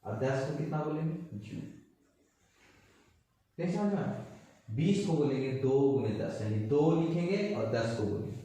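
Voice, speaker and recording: A man teaching a class. He asks the room questions and answers them himself, and he repeats each word slowly. His voice is mellow and a little high, and it is recorded from a distance in a strongly echoing room. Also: expressive. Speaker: Japanese language teacher. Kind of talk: classroom lesson. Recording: echoey, mic far off.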